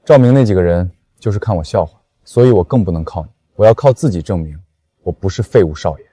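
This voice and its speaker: An actor playing a calm, determined young heir who insists on proving himself. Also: male voice, low-pitched, fast talker, slightly rough, no echo. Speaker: lead actor in short drama.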